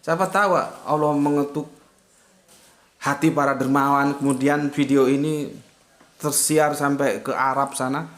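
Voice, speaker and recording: A man's voice: medium pitch, steady tone, unhurried, fairly bright tone. A man hosting a casual online religious talk, reading viewer comments with joking, teasing asides and frequent chuckles. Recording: echoey room.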